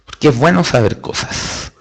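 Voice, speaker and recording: A man's voice: a little high, lively intonation, moderate pace, creaky, breathy edge. A man with a Chilean accent teaching a live online lesson, explaining step by step with emphatic stresses and chatty asides. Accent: Chilean Spanish. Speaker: test-prep teacher.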